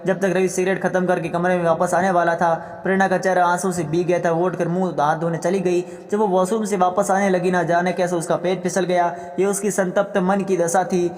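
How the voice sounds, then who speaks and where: A storyteller narrating a sad romantic tale in an even, steady way. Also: mid-range voice, a little fast, few pauses. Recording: long hall reverb.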